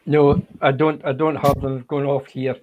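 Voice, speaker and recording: A man chatting casually in a hesitant, halting way. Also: medium pitch, flat delivery. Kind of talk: casual chat. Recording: thin phone-like internet call.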